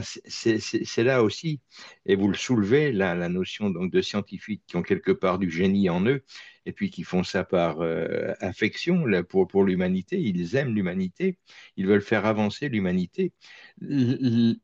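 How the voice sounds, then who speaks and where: A man hosting and moderating a panel discussion, speaking in a measured, reflective way and pausing to search for words. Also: low voice, a little mellow, dry recording, lo-fi sound.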